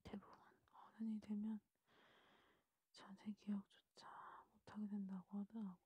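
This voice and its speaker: Breathy whispering Grim Reaper played by a woman. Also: mid-range voice, little pitch movement, unhurried, dark tone, dry recording. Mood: calm, reassuring. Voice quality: breathy, unvoiced. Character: calm, reassuring Grim Reaper guiding a soul to the afterlife. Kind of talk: whispered role-play. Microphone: close mic, dry.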